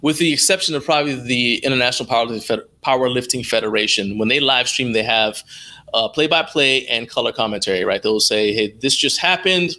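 A middle-aged American interview guest who produces live streams tells casual stories in colloquial speech over a video call headset in an indoor room at home. His medium-pitched voice is fairly quick, bright and forceful.

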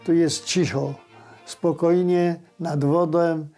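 An elderly man shares memories in a folksy, halting way. His voice is mellow and a little high for a man. Faint violin music plays behind him. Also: steady tone. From Poland, riverside village in Lesser Poland. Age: older, born 1938. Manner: plain, folksy, halting phrasing. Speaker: local resident recalling village life. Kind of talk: informal spoken reminiscence.

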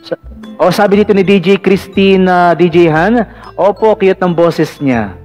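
Man, call-in host, chatty, teasing, fairly high voice, music in the background. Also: unhurried, darkish tone. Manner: chatty, teasing, many fillers like "ayan". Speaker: vlog radio-style host taking callers. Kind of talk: casual live call-in chat.

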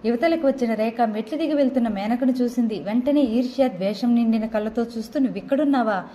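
A woman narrating an audio novel with steady, expressive storytelling. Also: a little high, a little fast, slight background noise.

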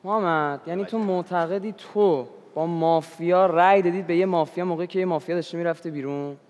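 A man's voice: high-pitched, darkish tone, long reverb tail. A man in a party game show, questioning other players and steering who goes up for the vote.

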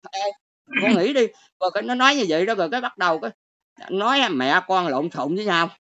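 A woman's voice: medium pitch, lively intonation, quick pace, fairly bright tone, a little hiss or hum. An older woman with a Southern Vietnamese accent, ranting and lecturing her viewers on a livestream in a scolding, exclamatory way. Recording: dull lo-fi stream audio.

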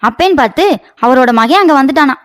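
A woman's voice: sits high, animated, quick pace. A woman narrating a cartoon storybook tale with a folksy storytelling cadence. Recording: with background music.

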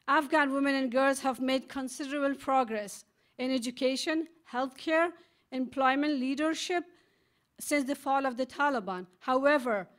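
A middle-aged woman reading an earnest prepared speech at a podium microphone in a large conference hall. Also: high-pitched. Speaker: conference speaker.

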